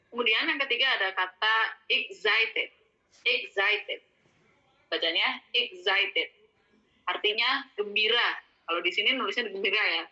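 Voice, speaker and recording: A woman giving a casual spoken vocabulary lesson, explaining each word patiently and repeating it slowly, sometimes correcting herself. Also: medium pitch, sharp tone. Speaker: English vocabulary teacher. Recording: dull lo-fi sound.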